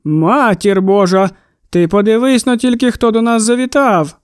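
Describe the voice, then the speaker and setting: Brief: storybook shopkeeper, chubby, jolly and teasing; male reader putting him on, smooth tone, dry close sound. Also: sits high, moderate pace, dry recording, lightly acted. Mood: cheerful. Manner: hearty exclamations, theatrical teasing.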